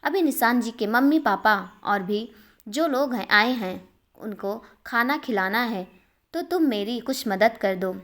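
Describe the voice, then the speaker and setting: A woman's voice: fairly high pitch, lively intonation, unhurried, a bit bright. A woman voicing a caring elder sister in a read-aloud storybook, speaking in a soothing, fondly scolding way. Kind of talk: storybook character reading.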